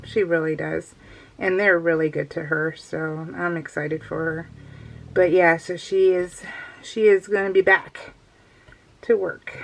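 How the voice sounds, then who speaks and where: A middle-aged craft vlogger chats casually and rambles along, giggly and easily sidetracked. Her medium-pitched voice comes through in a low-quality recording.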